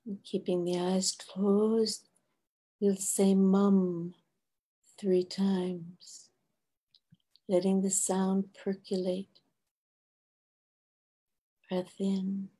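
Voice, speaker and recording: An older woman leading a guided meditation in a soft, hushed, soothing voice, leaving long pauses. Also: medium pitch, little pitch movement, breathy edge. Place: bright room at home, indoors. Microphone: video call microphone.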